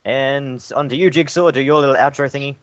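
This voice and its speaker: A man's voice: medium pitch, fairly even intonation, a little fast, no echo, muffled recording. A man co-hosting a podcast, joking crudely and boasting about himself. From Australia. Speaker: podcast co-host. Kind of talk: casual banter.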